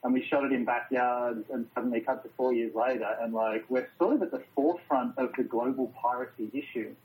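A man's voice: medium pitch, fairly quick, a little mellow, rough recording. An Australian man, a film director, chatting loosely as an interview guest and swearing freely. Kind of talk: casual interview chat.

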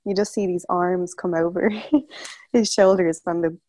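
Woman telling a halting personal story. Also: on the low side, fairly even intonation, mellow, dry recording. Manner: rambling, halting and self-correcting, with laughs and quoted inner voices. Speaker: community call participant sharing a story. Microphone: computer or headset mic on a video call.

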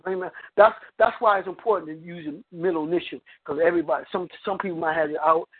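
A guest preacher with a high voice tells a story in his sermon at a quick pace, punctuating it with "come on, amen" as he goes. He is preaching over a phone conference, so the audio comes through a phone on a tinny line with slight background noise.

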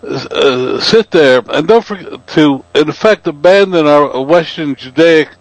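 A male talk show host who talks in a halting, stop-start way, searching for his words as he pushes back on his guest. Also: on the high side, no room sound, rough recording.

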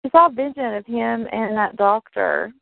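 A woman's voice: fairly high pitch, moderate pace, vocal fry, no echo. A woman co-hosting a casual podcast from her home, recapping soap plots in a rambling, giggly way. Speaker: podcast co-host. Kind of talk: casual chat about soap operas. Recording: tinny phone-like line, dry.

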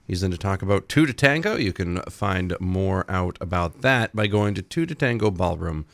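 A male radio host with a fairly low voice chats casually with a guest in the studio, joking and often tripping over and repeating his words. The sound is dry and close to the mic. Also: expressive, normal speed, creaky, no room sound. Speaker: radio morning show host.

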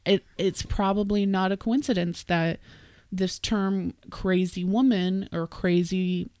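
A woman's voice: medium pitch, steady tone, slow, a little mellow, no echo, clean studio sound. A woman co-hosting a podcast in casual chat, thinking aloud with fillers. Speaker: podcast co-host.

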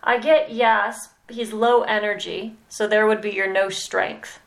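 A woman mentoring a student in animal communication, talking slowly and hesitantly with many pauses and "okay"s. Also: medium pitch, fairly even intonation, vocal fry, rough recording. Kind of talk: mentoring session.

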